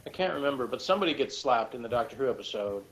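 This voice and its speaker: Racing along in an animated, mid-range voice, a male guest reviewer muses tentatively and ramblingly about TV episodes in a casual chat. Noticeable noise and ambience run through the recording.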